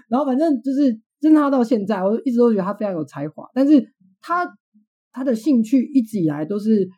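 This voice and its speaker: A woman's voice: a little high, lively intonation, brisk, dark tone, highs cut off. A young woman, hosting a podcast in casual chat, blunt and swearing freely. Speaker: podcast host.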